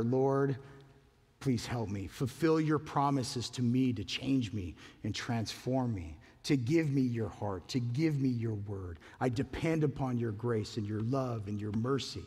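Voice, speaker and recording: A man's voice: mid-range voice, animated, a little slow, a little mellow, breathy edge, long reverb tail. A man, a pastor, preaching a sermon in an earnest, conversational way, asking his listeners questions.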